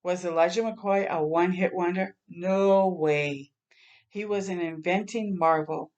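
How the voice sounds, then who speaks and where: Reading a children's picture book a little slowly, a woman with a slightly low voice brings it to life by acting out its sounds and exclamations and addressing the young listeners directly. The audio sounds dull.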